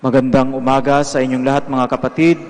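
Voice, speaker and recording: A man, a priest, leading mass prayers in a slow, measured recitation inside a large basilica, his voice ringing in a cathedral echo. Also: mid-range voice, little pitch movement, darkish tone. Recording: long church reverb, broadcast mass with faint music.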